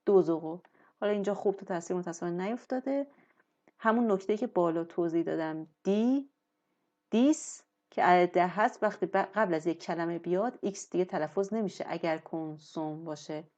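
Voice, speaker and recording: A woman teaching French in a lesson, explaining patiently and slowing down on example words. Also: fairly low pitch, a little mellow, highs cut off. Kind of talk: language lesson.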